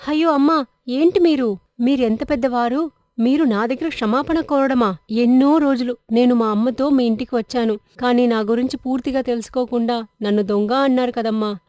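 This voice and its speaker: A woman voicing a timid young maid girl who pleads in a high voice. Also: normal speed, a little mellow, no echo, natural voice. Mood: pleading.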